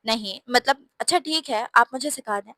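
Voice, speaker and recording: A spirited young wife from a storybook, quick to bristle when she is teased, read by a woman. Her slightly high voice sounds close and dry. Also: sharp tone, no room sound.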